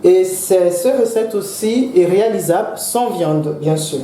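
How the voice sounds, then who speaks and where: A woman with a low, mellow voice walks through a home recipe in a relaxed tutorial style. She speaks casually and stops now and then to search for words. The echoey kitchen carries a faint background hum. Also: unhurried. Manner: chatty, explains each step with gentle asides. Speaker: home cook hosting a cooking channel.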